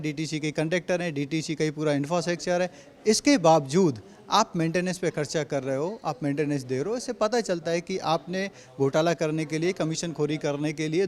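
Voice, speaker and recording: A man from Delhi, a party spokesperson, answering interview questions assertively and hammering his points home in Hindi with a Delhi accent. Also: on the high side. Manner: assertive, repetitive rhetorical points.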